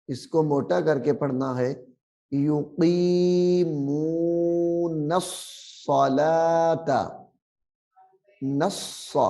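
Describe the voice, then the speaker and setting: A man from Pakistan teaching Quran reading, drawing out words slowly and repeating them, then explaining the rules briskly. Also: fairly high pitch, creaky, a little mellow. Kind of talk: recitation lesson.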